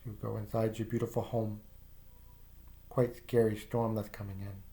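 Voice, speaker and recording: Speaking slowly in a lowish voice, a man narrates a guided visualization addressed to "you." He's calm and soft-spoken, with casual fillers.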